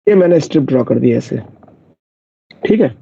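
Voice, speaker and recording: A man's voice: fairly high pitch, animated, moderate pace, vocal fry, dark tone, husky, no echo. A man teaching math in a live online class, explaining step by step and checking whether his students follow. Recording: dull lo-fi dry recording.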